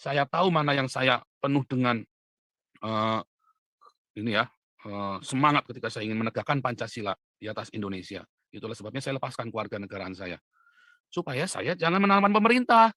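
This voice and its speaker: A male preacher talks fast in a casual monologue, moving from quiet asides to loud, insistent appeals and pressing his listeners with tag questions. His voice is bright and forceful, recorded close and dry with no room sound. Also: no echo. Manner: emphatic, swings from low asides to loud insistent urging, frequent "ya kan?" tags. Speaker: preacher and online commentator. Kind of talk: casual direct-to-camera monologue.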